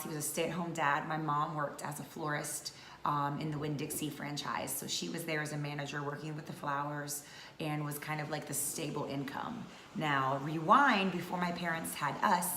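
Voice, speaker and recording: A woman's voice: sits low, fairly bright tone. A woman in her thirties from North Georgia, chatting casually to camera as a vlogger with many fillers. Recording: echoey room with faint noise.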